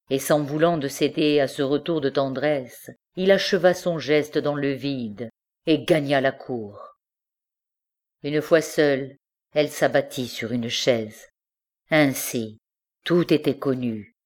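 A woman with a low voice narrates a literary novel for an audiobook. Her reading is measured and expressive, with a steady cadence. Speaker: audiobook reader.

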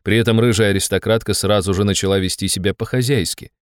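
A man narrating an audiobook in a lively, wry manner. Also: lowish voice, fast, clear, resonant tone, dry recording, clean studio sound.

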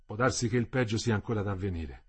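A man voicing a worried young male bricklayer in a read-aloud novel, speaking urgently and growing louder as he explains. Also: fairly low pitch, fast, breathy edge.

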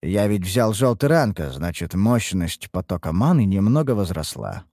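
Steady male audiobook narrator, dry sound. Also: low-pitched, moderate pace, no room sound. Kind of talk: first-person fantasy audiobook narration.

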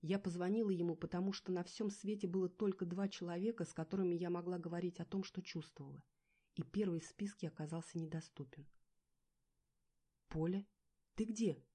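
A woman's voice: fairly low pitch, steady tone, fast talker, dark tone, husky. A woman reading a first-person novel aloud with an emotive, dramatic delivery. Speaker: audiobook narrator.

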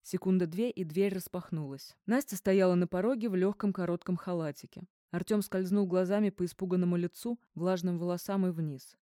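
A woman reading an audiobook in a measured, even narration. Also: lowish voice, no room sound, clean studio sound. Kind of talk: scripted narration.

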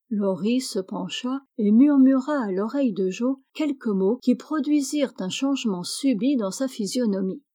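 A woman narrating a classic novel aloud in a measured storytelling manner. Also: medium pitch, dark tone. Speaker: audiobook reader.

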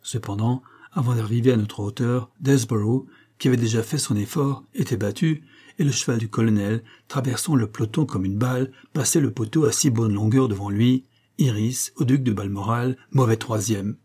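A man narrates a classic detective story in a steady, measured reading voice. His tone is dark and mellow, with a slight breathy huskiness, at a middle pitch. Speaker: audiobook reader. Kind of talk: scripted literary narration.

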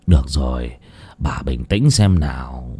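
Guy doing a gruff low old dad, short and firm, storybook voice. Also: big pitch swings, measured pace, darkish tone, full character voice. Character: stern older father, gruff, reassuring.

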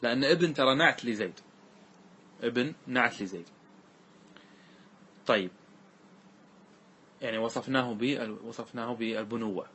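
A man's voice: medium pitch, bright, forceful tone, slight background noise. A man teaching a grammar lesson in a classroom-lecture style, explaining step by step and often checking that his students follow. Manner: recites verses slowly and deliberately.

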